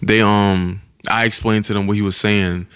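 Young male podcast host, a touch low-pitched, who tells lively stories in a casual chat. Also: normal speed, smooth. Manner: animated storytelling, acts out voices of people he met.

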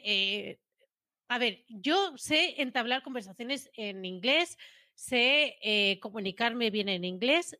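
A woman's voice: medium pitch, fairly bright tone, no room sound, clean studio sound. A woman chatting casually as a podcast guest, informal and slangy as she talks a point through. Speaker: podcast guest, marketing automation specialist. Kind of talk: casual chat.

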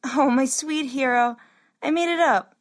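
A woman's voice: sits high, measured pace. Corley, a woman playing a sweet young cleric. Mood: affectionate. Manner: affectionate, teasing. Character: young female cleric apprentice, sweet and playful.

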